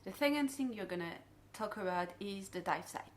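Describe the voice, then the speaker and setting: A dive guide and instructor with a French accent gives divers a safety briefing, addressing them directly and explaining things in non-native English phrasing. Her medium-pitched voice is expressive and moves at normal speed, with slight background noise.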